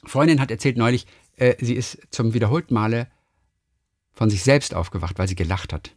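Animated man reading out listener mail. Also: mid-range voice, brisk, no echo, studio quality. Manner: lively, animated storytelling with many restarts. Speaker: podcast host.

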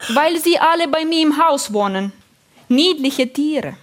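A woman's voice: sits high, expressive, unhurried, voice pushed up. A woman voicing a very old, friendly but confused lady who talks in a cheerful, conspiratorial way in an audiobook.

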